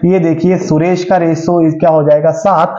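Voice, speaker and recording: A man's voice: a little high, flat delivery, moderate pace, mellow, reverberant, highs cut off. Hindi-speaking math teacher quizzing his class. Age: 40s. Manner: coaxing, asks questions and answers them himself. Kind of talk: exam-prep math lesson.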